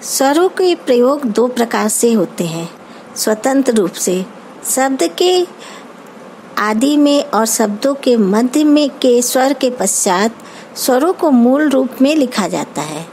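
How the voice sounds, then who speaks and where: Indian lady teacher reading out a grammar lesson really slow, bit of hiss behind. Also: a little high, animated, a little mellow, low-quality recording. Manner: slow, careful dictation-like explaining. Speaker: school teacher.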